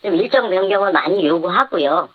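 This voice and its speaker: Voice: mid-range voice, animated, brisk. A former travel agency head giving a candid radio interview by phone, with the voice disguised electronically to keep the speaker anonymous. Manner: candid, matter-of-fact, short replies. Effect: voice disguised by electronic modulation for anonymity. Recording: dull lo-fi phone line.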